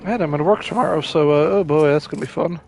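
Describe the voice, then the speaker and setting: A tired man streaming a game, chatting in a relaxed, joking way with apologetic asides. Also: a little high, fast, creaky, soft background music. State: tired, yawning. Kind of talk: casual chat while reading game dialogue.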